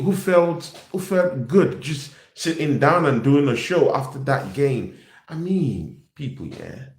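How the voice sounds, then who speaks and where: Slow-talking, animated man in an echoey room. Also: mid-range voice. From Nigeria. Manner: animated, repetitive, addresses viewers as people. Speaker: football channel host. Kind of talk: casual live-stream chat.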